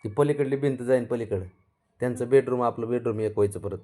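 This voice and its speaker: At home, a man films his pet cat on his phone, playfully coaxing it with short, repeated commands and laughing often as he talks. His medium-pitched voice is warm and quick.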